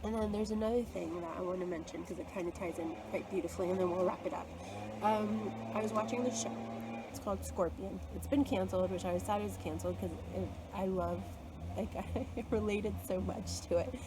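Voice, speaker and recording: In a reflective solo talk, a woman who creates spiritual content speaks fairly quickly in a steady, medium-pitched voice, earnestly guiding herself and her audience past fear. Her speech is full of "like" and broken by soft laughs. Heavy background noise is present.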